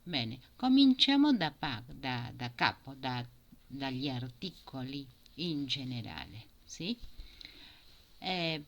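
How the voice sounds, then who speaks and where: Woman, unhurried recorded language lesson, low voice. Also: very animated. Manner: slow, explanatory, mixing Italian and Spanish. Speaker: Italian teacher. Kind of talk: recorded grammar lesson for Spanish speakers.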